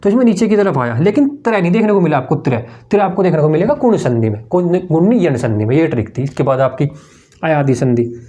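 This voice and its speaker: A man's voice: on the high side, lively intonation, fast, warm tone, highs cut off. A male teacher explaining Hindi grammar for an exam-prep class, repeating each point and calling the students "brother". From India.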